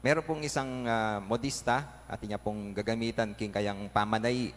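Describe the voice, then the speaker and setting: Kapampangan priest, kinda low voice, slow steady preaching, big echoey church hall. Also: male voice. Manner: measured, storytelling, with fillers. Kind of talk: Mass readings and homily. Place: large church. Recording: echoey church with faint noise.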